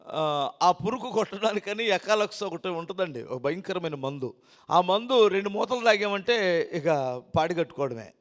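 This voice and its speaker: A man preaching a sermon as pastor, alternating loud emphatic declarations with quiet, lowered asides and rhetorical questions to the congregation. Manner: emphatic, rising to loud declarations then dropping low. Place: church hall.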